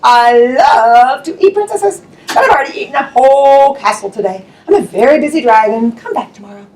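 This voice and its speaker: A woman voicing a boastful male dragon who brushes off visitors briskly. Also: sits high, expressive, darkish tone, roomy sound. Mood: brusque. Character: boastful busy male dragon, huge and smug.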